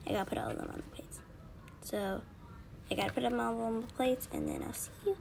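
A high-pitched woman with a gravelly edge narrates doll play, her voice leaping up and down. She rambles casually and keeps brushing things off. The home recording carries steady background noise and small clicks. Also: fast talker. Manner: rambling, shrugging things off with "whatever". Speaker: video creator.

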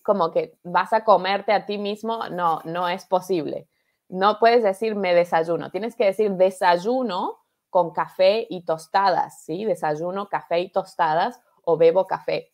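A woman's voice: on the low side, unhurried. A woman from Argentina with an Argentine accent, teaching a live online Spanish class in a patient, encouraging way that keeps checking in with the viewers. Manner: patient, encouraging, repeats and asks "¿verdad?". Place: home studio, live stream.

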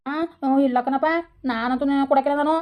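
A woman's voice: high-pitched, fairly even intonation, fast, dull audio, close to an everyday voice. A woman playing a young village man in a comedy skit, pleading and talking back to a scolding elder. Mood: defensive. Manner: pleading, defensive back-talk. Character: sheepish young village man with stray cow.

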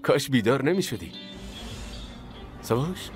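A man's voice: mid-range voice, big pitch swings, over music, natural voice. An actor dubbing a distraught young father in a TV drama, pleading and breaking into raised cries. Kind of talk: Persian dub of a TV drama.

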